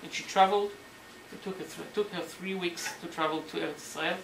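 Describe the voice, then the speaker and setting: A man lecturing on history as a story, animated and sometimes searching for words, acting out the quotes. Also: high-pitched, a little fast, creaky. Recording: roomy hall, mic at a distance, faint noise.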